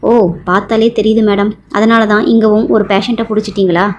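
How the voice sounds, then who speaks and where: A woman's voice: mid-range voice, little pitch movement, brisk, close to an everyday voice. A woman voicing a cheerful young male soldier who teases in a playful, easygoing way. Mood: teasing. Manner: teasing, playful.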